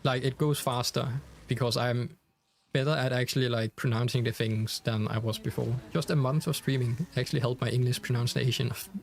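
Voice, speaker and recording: Brisk and steady, with vocal fry in a medium-pitched voice, a young man with a Danish accent casually talks to his game stream audience. He reads the chat out loud and frequently restarts or fills space with filler words.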